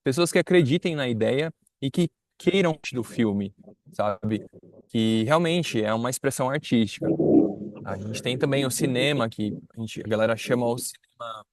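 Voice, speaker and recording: A young man with a Brazilian Portuguese accent gives informal answers in an interview as a student filmmaker. He speaks with a medium pitch at a moderate pace, hesitating and often rephrasing. There's no echo on the recording.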